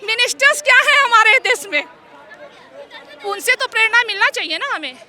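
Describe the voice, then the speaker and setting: A woman's voice: extremely high pitch, expressive, moderate pace, sharp tone, some chatter behind, slight background noise. A woman in her forties, an exam candidate, making an emotional, indignant plea in a street interview outdoors. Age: 40s. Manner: pleading, indignant.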